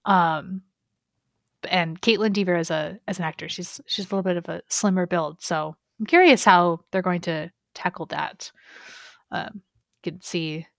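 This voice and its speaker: A woman's voice: fairly low pitch, dry recording, studio quality. A young woman co-hosting a gaming podcast in casual, rambling, enthusiastic chat. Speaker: podcast co-host.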